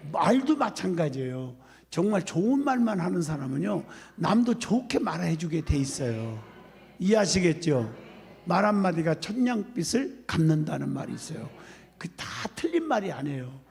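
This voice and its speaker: A male pastor preaching a revival sermon in a church, telling lively stories and often asking the congregation if they follow him. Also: high voice, creaky. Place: church sanctuary. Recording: long hall reverb.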